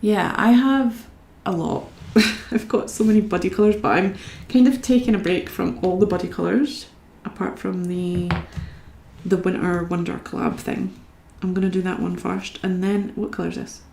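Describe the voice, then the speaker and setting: A woman's voice: on the low side, steady tone, moderate pace, gravelly, a little mellow, echoey room. A young Scottish woman chatting with viewers as she colours during a live stream. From Scotland. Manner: chatty, talks to viewers while working. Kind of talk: casual chat while colouring.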